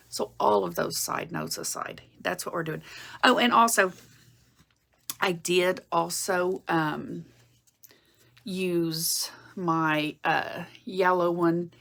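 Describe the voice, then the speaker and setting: A woman's voice: fairly low pitch, creaky, a bit bright. A woman in her forties chatting casually to camera about her makeup, rambling and often correcting herself mid-sentence. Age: 40s. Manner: rambling, self-correcting, with frequent fillers. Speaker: beauty vlogger.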